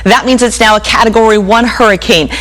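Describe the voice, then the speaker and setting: A woman's voice: a little high, fairly even intonation, brisk, fairly bright tone, rough recording. A woman weather anchor presenting a live news report on a storm, explaining conditions conversationally.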